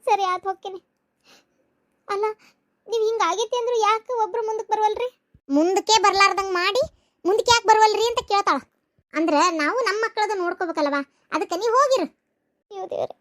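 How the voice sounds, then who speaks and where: A woman's voice: very high voice, quick pace, pauses often, a bit bright. A woman speaking with a North Karnataka Kannada accent, acting an anxious village mother who pleads one moment and bitterly scolds the next. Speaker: worried mother in a family skit. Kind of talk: village family drama acting.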